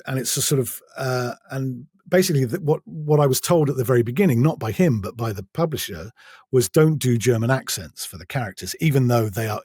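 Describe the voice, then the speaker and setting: Middle-aged English voice actor, husky, chatty and wry, dry close recording. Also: male voice, medium pitch, a little mellow, no echo. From England. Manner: chatty, self-deprecating, with frequent restarts. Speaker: audiobook narrator. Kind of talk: casual interview chat.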